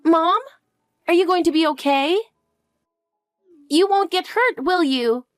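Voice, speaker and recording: A woman voicing an anxious, clingy elementary-school girl in an audio drama, asking high, pleading questions. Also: slow pace, dry recording, soft background music. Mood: scared.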